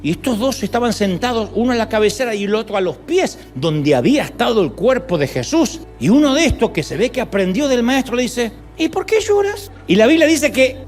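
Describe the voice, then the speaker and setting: Animated, high-pitched preacher with dramatic swings. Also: male voice, brisk, few pauses, soft background music. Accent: Argentine Spanish. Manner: dramatic storyteller, acting out quotes with sudden high cries; humorous asides. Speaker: pastor. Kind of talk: sermon.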